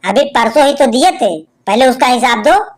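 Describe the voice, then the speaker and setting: A woman's voice: high-pitched, expressive, normal speed. A woman voicing a scolding middle-aged mother in a read-aloud joke, with a stern, questioning manner.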